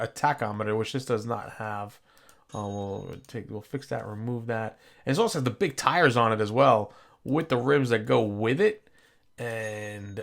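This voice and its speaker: A man's voice: medium pitch, creaky. A man hosting his gaming channel, casually talking through a car-building game and correcting himself as he goes. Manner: rambling, self-correcting.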